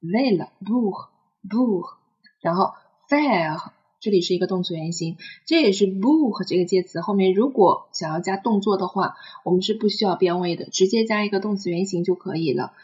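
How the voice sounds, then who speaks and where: A woman's voice: mid-range voice, darkish tone. A woman teaching a French picture-book lesson, patiently spelling out and repeating sounds. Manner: patient, drawn-out demonstration of sounds. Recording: slightly muffled recording.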